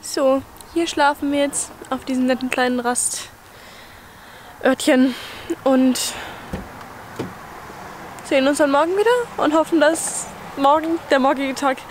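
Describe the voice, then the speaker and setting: A woman's voice: sits high, slow pace, long pauses. A woman in her twenties, a travel vlogger chatting casually to a handheld camera outdoors, often laughing between sentences. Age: 20s. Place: outdoors in the bush by a car. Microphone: handheld camera at arm's length. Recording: outdoor camera audio with clear background noise.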